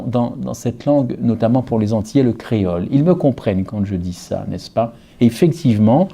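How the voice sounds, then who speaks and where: A man from Guadeloupe preaching a sermon, his voice dark and mellow. He speaks with animated emphasis, asking the listeners rhetorical questions as he goes. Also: medium pitch. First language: Guadeloupean Creole alongside French.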